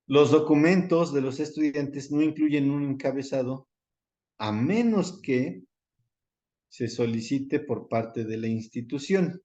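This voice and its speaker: A man's voice: mid-range voice, slow, mellow, highs cut off. A man, lecturing a university class over a video call and repeating the key points. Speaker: university professor.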